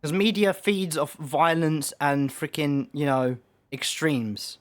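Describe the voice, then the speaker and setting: A man's voice: fairly high pitch, takes it slowly, dry recording. A man streaming a game who rambles casually with lots of swearing and restarts. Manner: rambling, profane, many restarts.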